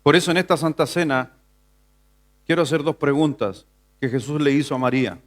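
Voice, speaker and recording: A man from Chile, a pastor, preaching a Sunday sermon in church, asking the congregation questions and building to emphatic passages. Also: a little fast. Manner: preaching with rhetorical questions, rising to an emphatic pitch. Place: church sanctuary.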